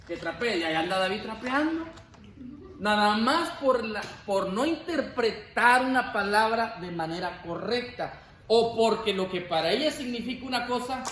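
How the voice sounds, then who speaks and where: Guy teaching bible class, kinda high voice, jokes around, asks the room stuff, echoey classroom. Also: a little hiss or hum. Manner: lively, jokey, asks the class questions. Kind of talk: classroom lecture.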